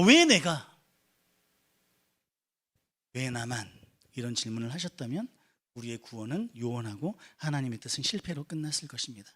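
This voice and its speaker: Young guy preaching to a church youth group, earnest and chatty, voice sits a bit high and swings a lot. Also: sharp tone. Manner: earnest, conversational preaching with rising emphatic peaks. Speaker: youth pastor. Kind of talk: sermon.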